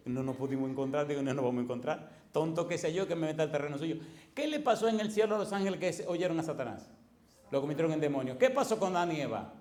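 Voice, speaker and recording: A man's voice: fairly high pitch, fast talker, echoey room. A man, a pastor teaching a class for preachers, telling stories with acted dialogue and firing rhetorical questions at his listeners. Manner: animated storytelling, acts out dialogue.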